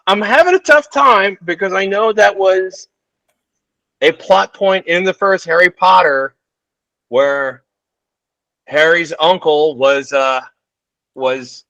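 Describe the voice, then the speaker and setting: A man's voice: fairly high pitch, measured pace, long pauses, fairly bright tone, dry recording, rough recording. A man playing as a contestant on a comedy game show, thinking aloud in a rambling way. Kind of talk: casual chat.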